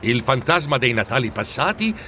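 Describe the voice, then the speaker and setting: A man reading a storybook aloud in an expressive, animated way. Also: mid-range voice, moderate pace, slight background noise. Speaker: narrator. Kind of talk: storybook narration.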